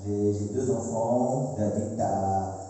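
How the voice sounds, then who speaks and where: A man's voice: fairly low pitch, fairly even intonation, slow, mellow. Friendly man presenting in an echoey hall. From western France. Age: 40s. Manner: friendly, plainspoken, thanks the audience. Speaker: presenter, insurance worker. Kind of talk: live public presentation. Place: large echoing hall, recorded from a distance. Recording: distant, echoey hall recording.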